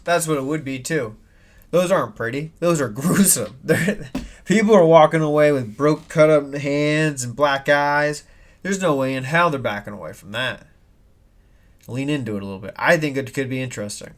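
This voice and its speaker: A man hosting a solo podcast, rambling and swearing with many restarts, in a slightly nasal voice, with an air filter and ceiling fan humming in the background. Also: medium pitch. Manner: rambling, profane, full of restarts and asides. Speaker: podcast host. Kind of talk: casual solo podcast rant. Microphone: desk mic, no headphones.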